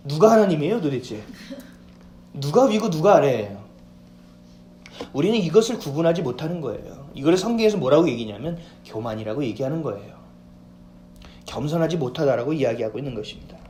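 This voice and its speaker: A male pastor preaching a sermon in an animated way, putting questions to the congregation. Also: on the high side, brisk, pauses often, a little hiss or hum. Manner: animated preaching, acts out quoted voices, asks congregation questions. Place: church sanctuary. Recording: echoey church hall with faint ambience.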